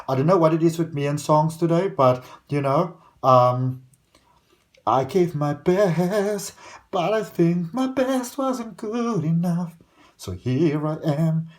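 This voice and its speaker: A man from South Africa reads tarot cards straight to his viewers, speaking on the higher side of a man's range. His delivery is earnest and reassuring, built on repeated "I can see" phrases. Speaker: tarot reader. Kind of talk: tarot reading to camera.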